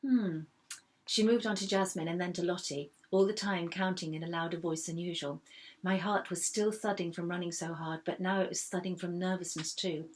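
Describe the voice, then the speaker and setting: A woman reading a first-person children's story aloud in a steady, expressive way. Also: on the low side, fairly quick. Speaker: reader.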